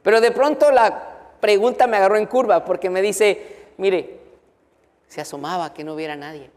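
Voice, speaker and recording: A man's voice: high voice, fairly quick, a little hiss or hum. A male pastor preaching to a university audience, mixing prayer with humorous storytelling. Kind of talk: sermon. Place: university auditorium. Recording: long hall reverb, auditorium.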